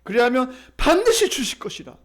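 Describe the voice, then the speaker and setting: A man's voice: extremely high pitch, sing-song, brisk. A man preaching as a pastor, leading the congregation through reading and repeating scripture. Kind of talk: sermon.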